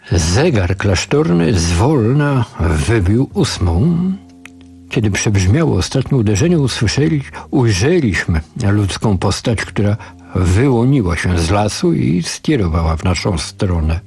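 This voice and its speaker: A man on the radio in a studio, reading a story aloud informally with relaxed, chatty asides. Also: on the low side, creaky, slightly rough. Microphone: studio microphone.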